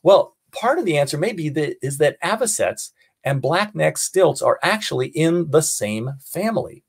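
Male naturalist teacher with an American accent, playful and animated, lively in pitch. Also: moderate pace, vocal fry, breathy edge. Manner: playful, animated, asks the class questions. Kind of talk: online class lesson.

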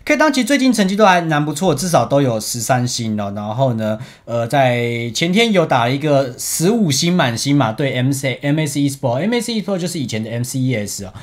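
Animated young Taiwanese man, chatty storyteller. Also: mid-range voice, a little fast, few pauses. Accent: Taiwanese Mandarin. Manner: animated, chatty, laughs often. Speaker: esports team captain. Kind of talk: casual storytelling over gameplay footage.

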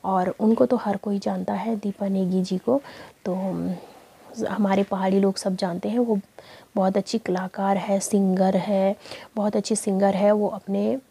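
Woman vlogger from Uttarakhand, Pahari accent; flat, dark delivery, earnest and repetitive. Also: medium pitch, a little slow, vocal fry, slightly rough. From Uttarakhand, India. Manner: earnest, lecturing, repeats phrases. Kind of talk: casual talk to camera.

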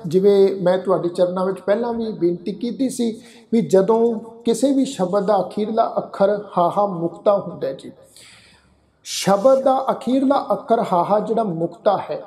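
A man teaching how to pronounce scripture. He patiently spells out each letter and vowel sign, then recites each verse line slowly and drawn out. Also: sits high, mellow. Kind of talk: pronunciation lesson with slow chanted recitation.

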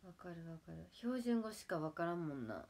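A woman's voice: fairly low pitch, brisk, creaky. A woman in her twenties speaking with a Kagawa dialect, chatting casually with viewers on a livestream. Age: 20s. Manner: relaxed, chatty, answers viewer comments. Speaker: idol livestream host. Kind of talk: casual livestream chat reading comments.

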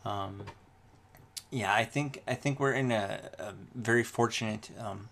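Gravelly man who trails off mid-sentence. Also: lowish voice, fairly bright tone. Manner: halting, trails off and leaves sentences unfinished. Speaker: podcast host being interviewed. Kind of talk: casual interview.

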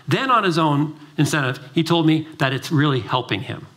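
A man's voice: fairly high pitch, normal speed. A middle-aged man, a doctor, giving an emphatic, driven summit presentation and telling stories with acted-out dialogue. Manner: animated storytelling, acts out dialogue. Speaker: doctor giving a conference talk.

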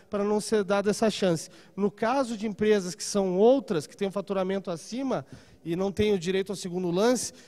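His voice sits high and a little mellow, followed by a long reverb tail. In his thirties, this trade seminar speaker addresses a live audience in a large conference room by handheld mic, frequently checking in with a conversational "tá?" or "né?".

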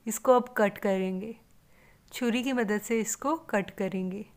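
A woman's voice: medium pitch, measured pace. A woman hosting a cooking channel, giving a patient step-by-step recipe voice-over and repeating the key steps. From South Asia.

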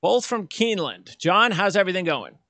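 Middle-aged male host, chatty and rambling, bright forceful tone, dry close sound. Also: high-pitched, big pitch swings, moderate pace, dry recording. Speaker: podcast host. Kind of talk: casual sports chat. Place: home room, indoors.

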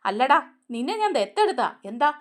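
A woman voicing a sharp-tongued older mother who mocks and scolds her son. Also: high voice, sing-song, normal speed. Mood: scornful. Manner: mocking, scolding.

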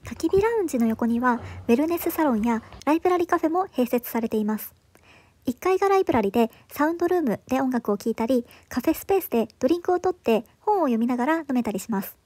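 A woman's voice: sits high, expressive, fast, darkish tone. A woman in her thirties giving an upbeat, enthusiastic scripted voice-over for a travel vlog, recorded indoors. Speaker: travel vlogger.

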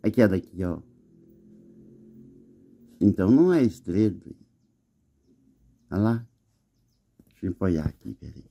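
A man's voice: deep voice, expressive, a little slow, vocal fry, long pauses, mellow, slightly rough, lo-fi sound. A man with a Mineiro accent, filming the night sky outdoors on a phone resting on a wall, insistently talking to viewers as he films. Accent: Mineiro Brazilian Portuguese. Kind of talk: casual narration while filming. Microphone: phone camera resting on a wall.

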